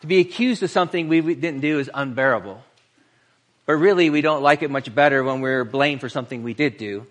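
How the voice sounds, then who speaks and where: A man's voice: mid-range voice, fairly quick. Earnest man preaching a sermon. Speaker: pastor.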